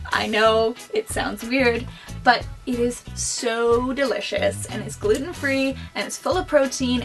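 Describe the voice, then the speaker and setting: A bubbly young woman chats through her favorite things for her vlog audience. Her voice sits high and bright, and she talks with eager, gushing enthusiasm. Faint music plays underneath. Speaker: vlogger sharing favorites.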